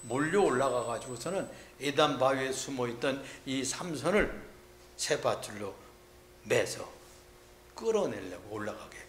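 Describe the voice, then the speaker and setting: A middle-aged male pastor preaching a Sunday sermon, retelling a story and acting out the shouts of its people. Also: mid-range voice, expressive, a little slow, a little hiss or hum.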